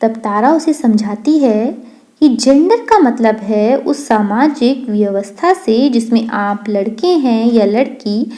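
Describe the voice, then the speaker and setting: A woman narrating a children's story in a lively, explaining way. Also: fairly high pitch, takes it slowly.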